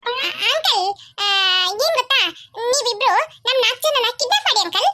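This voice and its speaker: A woman's voice: very high-pitched, lively intonation, normal speed, background noise. A woman voicing a bold, confident little girl in a cartoon who schemes and reassures her friends. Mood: cheeky. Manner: cheeky, confident.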